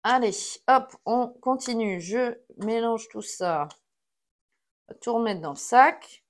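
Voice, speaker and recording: A woman's voice: fairly high pitch, takes it slowly. A woman talking herself through a solo board game, placing cards and counting pieces aloud in a casual running commentary.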